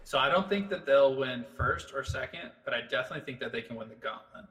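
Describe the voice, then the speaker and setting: A young man co-hosting a casual esports podcast, excitable and teasing, swearing freely. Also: mid-range voice, crowd noise. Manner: excitable, quick to swear and tease. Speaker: podcast co-host and editor.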